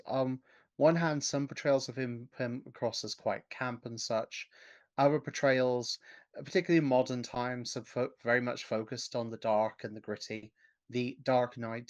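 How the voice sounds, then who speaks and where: A man co-hosting a casual podcast, speaking in a measured, hesitant way as he hunts for the right words. His voice sits at a middle pitch. The sound is dry and close. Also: no echo. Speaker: podcast co-host.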